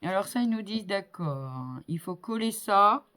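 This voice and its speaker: A woman's voice: mid-range voice, expressive, normal speed, fairly bright tone. A middle-aged woman chatting casually as she builds a model kit, thinking aloud with many fillers. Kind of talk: casual hands-on crafting commentary.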